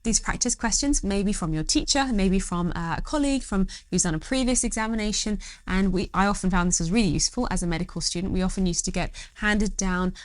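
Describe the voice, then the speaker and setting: A woman's voice: medium pitch, quick pace, hardly any pauses, no echo. A young woman doctor giving study tips to camera, upbeat and encouraging. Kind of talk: educational talk to camera.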